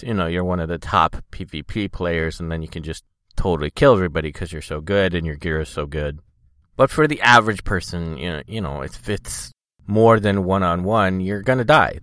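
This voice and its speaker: A man's voice: fairly low pitch, no echo, studio quality. A man hosting a casual solo podcast, rambling informally, congested with a cold and talking a little thickly from a swollen tongue. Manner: informal, loosely hedged rambling. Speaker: podcast host.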